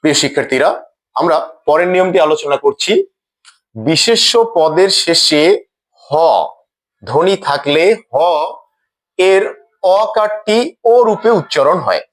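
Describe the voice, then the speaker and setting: A teacher talks through a grammar lesson at a slow, deliberate pace. His voice sits high for a man. He says each example word twice, as if reading from a script. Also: expressive, a bit bright.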